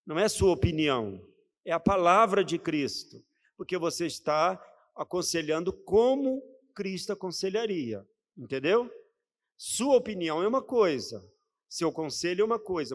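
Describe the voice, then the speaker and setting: A man with a Brazilian Portuguese accent preaches in a fairly high voice. He keeps it conversational and checks in with the congregation through rhetorical questions. His voice rings out with the long reverb of a church hall. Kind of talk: sermon.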